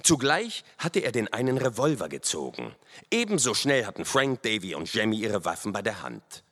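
Man narrating a story with very lively pitch. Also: moderate pace. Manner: storytelling, expressive. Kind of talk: audiobook narration. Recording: long hall reverb.

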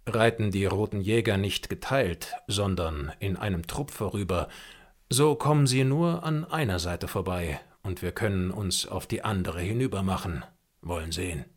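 A man's voice: sits low, moderate pace. A man voicing a bold, commanding frontier hunter in an audiobook, speaking firmly and decisively. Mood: calm. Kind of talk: audiobook character reading.

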